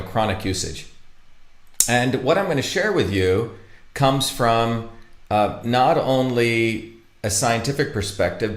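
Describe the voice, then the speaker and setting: A man from India, giving an informal lecture with stories, halting and full of fillers and restarts. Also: fairly low pitch, echoey room. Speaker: speaker presenting a talk.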